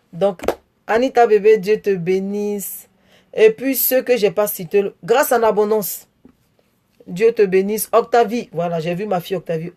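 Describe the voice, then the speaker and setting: A woman giving a live-streamed exhortation, repeating phrases for emphasis and warmly greeting her viewers by name. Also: medium pitch, slight background noise. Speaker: online preacher.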